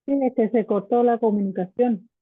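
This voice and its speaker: A woman's voice: on the high side, steady tone, moderate pace, husky, dry recording. A woman student in an online class, speaking briefly and matter-of-factly through choppy, breaking-up call audio. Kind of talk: brief remarks on a video call. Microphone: remote call microphone. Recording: tinny phone-like call line.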